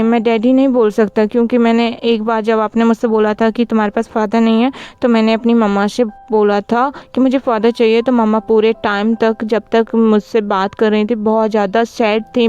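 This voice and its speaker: A woman's voice: a little high, level tone, normal speed, dark tone, clean tone, lo-fi sound, natural voice. A woman voicing a sweet, shy little boy who pleads and worries in a childlike, coaxing way, within a retold story. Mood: worried.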